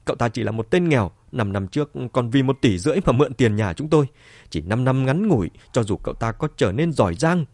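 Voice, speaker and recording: A man's voice: mid-range voice, a little mellow, dry recording, studio quality. A man voicing a desperate middle-aged wife who pleads and shrieks in a raised voice.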